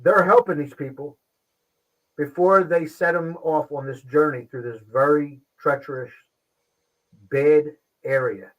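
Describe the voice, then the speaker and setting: A man hosting a casual livestream show, talking with frequent pauses and restarts. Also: on the high side, steady tone, poor audio. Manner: halting, pauses and restarts often. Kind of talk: casual live-stream talk.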